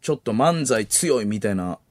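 A young man with a Kansai accent hosting late-night comedy radio, animated banter and voiced sound effects. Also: on the low side, moderate pace, no echo. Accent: Kansai Japanese. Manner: animated, mimics jingles and sound effects with his voice. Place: radio studio. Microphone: studio mic.

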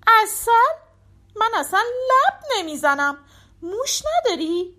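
A fussy, clever storybook cat, as a woman narrator puts him on, prim and choosy in tone. The voice is bright and high, jumping around a lot. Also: wildly swooping pitch, exaggerated voice. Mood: disdainful.

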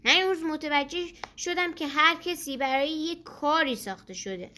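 A woman voicing a kind, helpful young rooster in a children's storybook reading, speaking slowly as she explains. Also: sits high, sharp tone, slight background noise. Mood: gentle.

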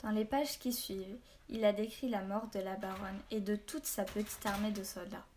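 Quiet woman reading a novel aloud. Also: mid-range voice, fairly even intonation, normal speed, slight background noise. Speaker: narrator. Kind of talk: audiobook narration.

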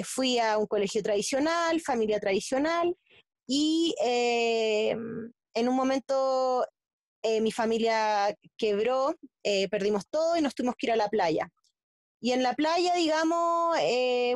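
Chilean woman, halting and dry. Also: on the high side, animated, no room sound. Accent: Chilean Spanish. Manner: halting, many restarts and fillers. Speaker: guest athlete. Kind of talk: casual interview talk.

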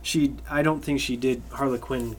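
A man's voice: mid-range voice, fairly even intonation, moderate pace. A man talks through a loose podcast chat in an ordinary mid-range voice, blunt and opinionated, swearing freely as he goes. A faint hiss of noise sits under the recording. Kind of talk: casual chat.

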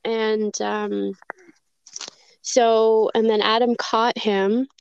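Interview guest: woman, unhurried and hesitant, clean smooth voice, dull lo-fi recording. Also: fairly high pitch, little pitch movement, no echo. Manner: reflective, hesitant, many fillers and restarts. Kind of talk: podcast interview, recounting a personal story.

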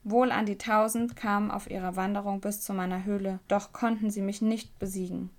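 Brief: shrill, scornful hag monster from a storybook, loud and gravelly, voiced by a woman narrator. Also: flat delivery, a little fast, close to an everyday voice. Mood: mocking. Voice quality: shrill, mocking. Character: gaunt giant female monster of cowardice.

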